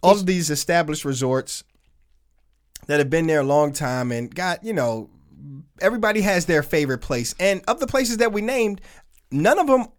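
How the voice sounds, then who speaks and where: A man's voice: on the high side, lively intonation, normal speed. A man co-hosting a podcast in a loose, laid-back, chatty way, with casual swearing, talking into a podcast mic during a live stream. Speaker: podcast co-host. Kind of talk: casual chat.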